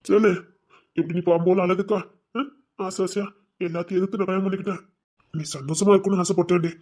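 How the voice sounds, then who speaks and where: A man's voice: high voice, steady tone, fast talker, darkish tone. A man with a Tirunelveli Tamil accent playing a remorseful young husband who tenderly coaxes his pregnant wife in a domestic drama. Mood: pleading. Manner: tender, pleading, coaxing. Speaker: actor in a web series. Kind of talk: emotional domestic drama acting.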